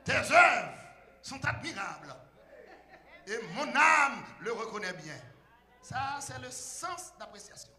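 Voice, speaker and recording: Preacher guy yelling at the congregation, sharp bright voice, echoey church. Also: very high-pitched, sing-song, takes it slowly. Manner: shouting call-and-response, switching between loud bursts and quiet asides. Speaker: pastor. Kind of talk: fiery preaching sermon.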